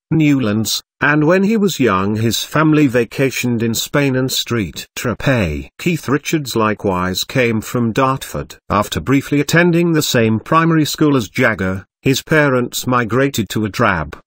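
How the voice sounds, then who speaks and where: A man narrates a nonfiction audiobook in a measured, even manner. His voice sits at an ordinary middle pitch. The studio sound is dry and close, with no room around it. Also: no echo.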